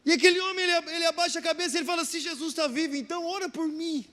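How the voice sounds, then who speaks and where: A man's voice: very high voice, fairly even intonation, very fast, sharp tone. A man preaching a sermon, telling a story with animation and acting out the dialogue. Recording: long reverb of a hall.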